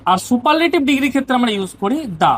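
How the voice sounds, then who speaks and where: A woman's voice: sits high, animated, very fast, slight background noise. A woman teacher with a Bengali accent explaining grammar step by step and often checking that her students are following. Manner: explains step by step, often asks "ঠিক আছে?".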